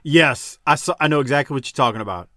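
A man hosting a casual recap chat, talking in an animated, jokey way. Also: medium pitch, fast talker, no echo, studio quality. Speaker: podcast host.

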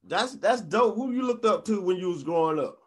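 A man's voice: sits high, animated, fairly quick, a bit bright, slightly rough. A man with an American accent interviewing casually, agreeable and slangy, swearing freely. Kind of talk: casual chat.

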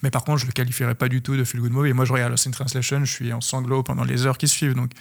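A man's voice: mid-range voice, flat delivery, very fast, gravelly. A man hosting a casual film podcast, hesitant and jokey, swearing and laughing now and then. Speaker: podcast host. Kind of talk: casual chat.

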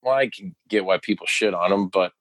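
Lowish-voiced frat-bro guy, dry sound. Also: a little fast, a bit bright, no room sound. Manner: frat-bro talk full of dude, like and swearing. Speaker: wrestling podcast co-host. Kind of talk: casual, profane wrestling chat.

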